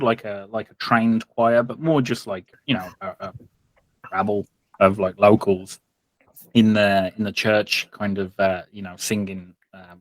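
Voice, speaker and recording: A British man hosts a podcast as game master of a tabletop roleplaying game, narrating and feeling his way through sentences with self-corrections. His voice is fairly low, with no echo, on a low-quality recording.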